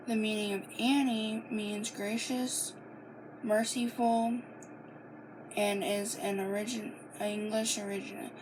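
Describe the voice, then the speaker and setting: A young woman from Maine answering a list of personal questions in a casual sit-down video, reading each question aloud and pausing often with fillers and restarts. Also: mid-range voice, little pitch movement. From Maine, United States. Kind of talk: casual Q and A monologue. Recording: noisy home recording.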